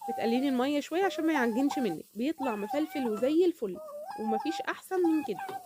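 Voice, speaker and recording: A cooking vlogger with an Egyptian Arabic accent chats casually, talkative and repetitive, often checking in with "okay?". Her high voice swings hugely in pitch and races along very fast over a noisy background.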